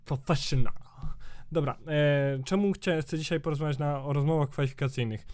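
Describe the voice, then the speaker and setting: A man's voice: on the high side, a little fast, darkish tone. A man in his twenties with a sore throat, ranting casually in a vlog, rambling with lots of fillers and swearing. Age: 20s. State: sore throat, slightly changed voice. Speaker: YouTuber.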